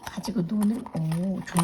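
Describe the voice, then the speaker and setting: A woman at home talking to her pet parrot in coaxing, teasing baby talk, often hushed or whispered. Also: mid-range voice, heavy background noise.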